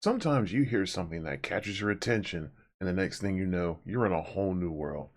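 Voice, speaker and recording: Over background music, a man who hosts an audiobook review series talks a little fast in a deep, animated voice. His review monologue is casual and chatty, full of informal, rambling asides.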